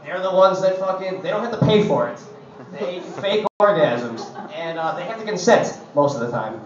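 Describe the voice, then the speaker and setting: Young man, stand-up comedy, crude and rambling, slightly high voice, very echoey distant recording, faint background hum. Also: expressive, moderate pace, dull audio. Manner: crude, profane and rambling, full of "like, you know". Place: coffee shop.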